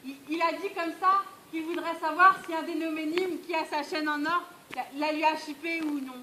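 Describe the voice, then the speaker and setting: A woman's voice: high-pitched, steady tone, normal speed, bright, forceful tone. A woman acting a naive, dim but earnest servant messenger in a stage comedy, guileless and insistent. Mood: naive, hesitant. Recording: stage recording with faint noise.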